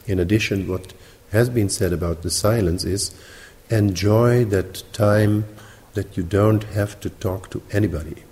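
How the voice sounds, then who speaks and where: A man with a mixed British, Dutch and Sinhalese accent, teaching meditation at a retreat in measured, explanatory phrases with pauses. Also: on the low side, darkish tone. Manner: measured, explanatory, pausing between short phrases. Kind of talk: spoken retreat instruction. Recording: reverberant hall.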